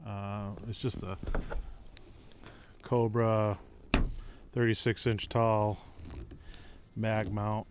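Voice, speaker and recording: This man's low voice moves very slowly, broken by long pauses, as he casually narrates a vlog testing CB radio equipment. He explains each step plainly while steady background noise and vehicle sounds carry on.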